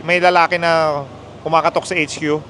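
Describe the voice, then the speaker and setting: Chatty high-voiced man telling a story. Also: little pitch movement, moderate pace, bright, forceful tone. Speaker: motorcycle club host. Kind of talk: casual storytelling chat.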